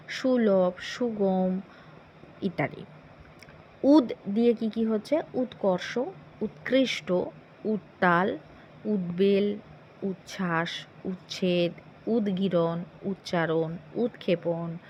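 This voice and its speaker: A woman teacher walks through an exam-prep grammar lesson at an unhurried pace. She recites long lists of words one after another and opens each list with a question to herself. The recording is a little dull, with a faint hum underneath. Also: mid-range voice.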